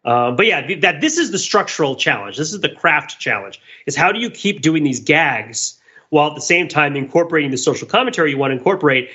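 A fast-talking man with a highish, very animated, pushed and bright voice co-hosts a podcast, and the highs in the audio are cut off. As a commentator, he explains his ideas in a casual, rambling, eager analytical discussion.

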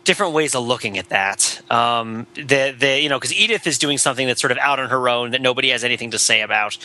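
A man hosting a podcast in casual chat, rambling and animated, with many fillers and running jokes. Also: medium pitch, fast. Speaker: podcast host.

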